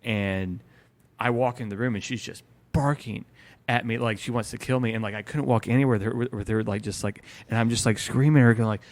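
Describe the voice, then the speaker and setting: A man's voice: medium pitch, fairly even intonation, brisk. A man, a musician guest, telling rambling stories in casual podcast chat, full of fillers and restarts.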